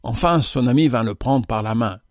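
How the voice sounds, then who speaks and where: Narrator: man, mid pitch, measured and solemn, dry close sound. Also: a little mellow, no echo. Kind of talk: scripted narration.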